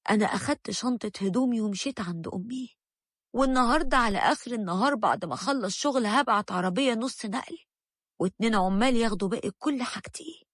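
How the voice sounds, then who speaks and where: A woman reading the part of a young Egyptian wife in a storybook tale, standing her ground with a firm, wounded resolve. The voice sits a little high and sounds close and dry, with no room around it. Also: expressive, fast, no echo. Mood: firm, hurt.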